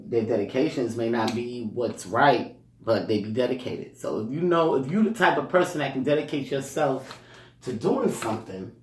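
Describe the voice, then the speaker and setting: Rambling man, distant and roomy. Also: mid-range voice. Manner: rambling, with frequent "you know" and "um"; chuckles between points. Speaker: speaker sharing life advice. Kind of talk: casual motivational monologue. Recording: roomy echo, distant mic.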